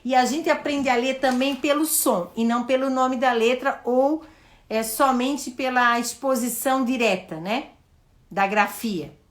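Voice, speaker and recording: A Brazilian woman teaching in a live session, modelling the questions she asks a child and explaining each step with slow, stressed words. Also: high-pitched. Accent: Brazilian Portuguese. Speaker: educator hosting a live session.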